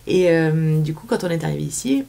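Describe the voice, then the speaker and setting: In a small indoor studio, a French woman in her thirties chats as an interview guest, her French-accented talk dotted with fillers and false starts. Her dark, low voice is expressive and a touch quick, with some vocal fry.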